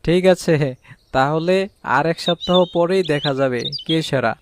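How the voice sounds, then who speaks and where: A slightly high-pitched man speaks at a moderate pace in a natural voice, playing a practical, good-humoured village fish farmer and husband in a cartoon fairy tale. He explains things step by step in an encouraging mood. The track is clearly noisy, with birdsong in the background.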